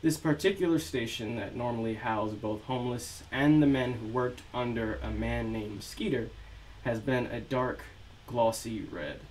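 A man's voice: mid-range voice, low-quality recording. A man chatting casually with many fillers before reading an excerpt of his own novel aloud. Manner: relaxed, filler-heavy chat. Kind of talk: casual chat, then reading prose aloud.

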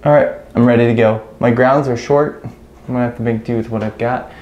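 A man in his thirties, an electrician, explains each step while he installs a ceiling light, in a relaxed, practical way. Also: mid-range voice, a little fast, muffled recording. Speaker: electrician instructor. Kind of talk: hands-on how-to narration. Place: small room in a house, indoors.

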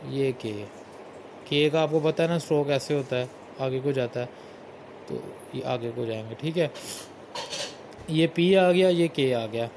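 A man teaching shorthand in a slow, unhurried way, naming each stroke and repeating it as he writes. His voice sits a little high for a man. Faint background noise and the odd passing vehicle can be heard. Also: a little mellow. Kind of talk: step-by-step lesson while writing.

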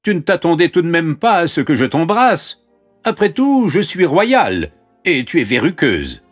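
A man's voice: sits high, moderate pace, soft background music, voice pushed up. A man voicing a spoiled, haughty young princess in a storybook reading.

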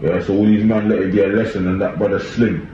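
A man with a low voice and a London accent talks casually and emphatically in street slang, looping back on his points with tag questions. He is on a phone in a small, echoey room, with slightly dull sound and faint noise. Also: level tone, quick pace. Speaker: commentator. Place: small tiled room indoors. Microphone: phone at arm's length.

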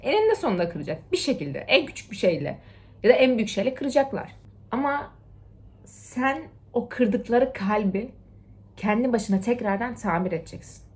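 A young woman talking casually to her viewers in a lively, lecturing way, swinging between loud and hushed. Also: on the high side, moderate pace. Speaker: TikTok vlogger. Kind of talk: casual motivational chat to camera.

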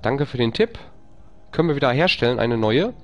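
A man's voice: big pitch swings, fairly quick, highs cut off, faint music behind. A man streaming a horror game live, chatting with viewers and swearing in panic when attacked. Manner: panicked swearing, screaming in high pitch; whispers while sneaking. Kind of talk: live let's play commentary.

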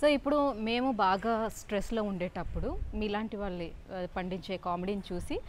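A woman's voice: medium pitch, normal speed, slight background noise. A woman news channel anchor interviewing a guest with polite, leading questions.

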